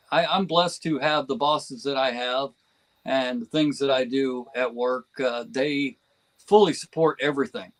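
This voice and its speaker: A man from New Jersey, appearing as a guest on a fan podcast, chats enthusiastically and rambles, chuckling often. His voice is fairly high and fairly bright, and the recording is rough.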